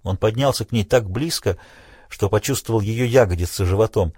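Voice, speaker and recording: A man narrating an audiobook with a steady, dramatic reading. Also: lowish voice, brisk, breathy edge, no room sound, studio quality.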